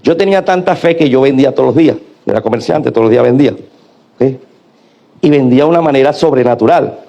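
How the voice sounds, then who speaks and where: A man's voice: mid-range voice, quick pace, creaky, warm tone. A middle-aged man preaching a sermon, asking rhetorical questions and having the congregation repeat after him. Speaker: pastor.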